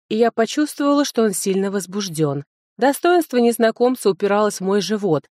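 A woman narrating a first-person audiobook in an even, measured way. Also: fairly low pitch, no room sound, clean studio sound.

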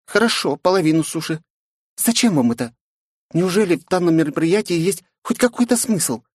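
A man voicing a sharp-tongued young woman sidekick who scolds her boss with sarcastic questions. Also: fairly high pitch, lively intonation, moderate pace, husky, no room sound, pitched above the performer's own voice. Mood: reproachful. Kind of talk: audiobook character voice.

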